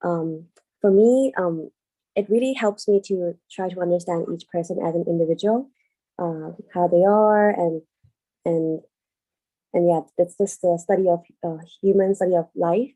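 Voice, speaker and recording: A woman's voice: on the low side, normal speed, mellow, rough recording. A woman on an online panel over a video call, hesitant and full of fillers. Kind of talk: casual online panel talk.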